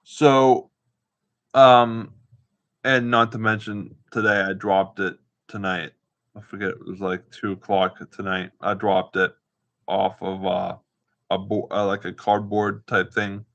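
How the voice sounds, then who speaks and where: On a dull, roomy-sounding livestream, a man hosts casually without a script, speaking slowly in a level tone. His voice sits on the low side, gravelly yet fairly bright, and his delivery is hesitant, rambling and repetitive.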